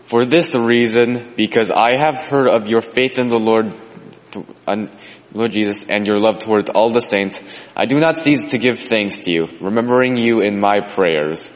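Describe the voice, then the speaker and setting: A man reading scripture aloud in a steady, measured liturgical manner, with cathedral echo around him. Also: lowish voice. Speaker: scripture reader. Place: large church sanctuary. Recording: long reverb of a large church.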